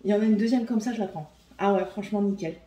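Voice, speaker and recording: A woman's voice: medium pitch, very fast, warm tone. A middle-aged woman with a French accent, chatting casually through a haul video with many hesitations and repeats. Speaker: vlogger.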